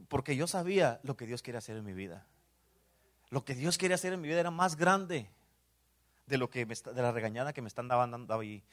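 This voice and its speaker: A man with a Mexican Spanish accent preaching a sermon in church, dropping to hushed asides and rising to loud exclamations, often saying amen. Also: on the high side. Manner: swings between hushed asides and loud exclamations, repeats "amén".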